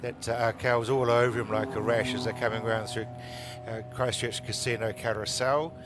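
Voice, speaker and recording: A New man gives live motorsport commentary in a conversational, chatty way, as if sharing the call with a colleague. Music and car sounds are clearly heard behind him. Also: mid-range voice, level tone, normal speed.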